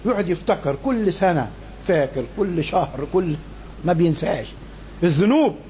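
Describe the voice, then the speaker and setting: Egyptian male preacher, very high voice, storytelling sermon that rises to shouts, faint background noise. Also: animated, normal speed. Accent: Egyptian Arabic. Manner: storytelling, acts out quoted figures, swings between soft and shouted. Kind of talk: Friday sermon.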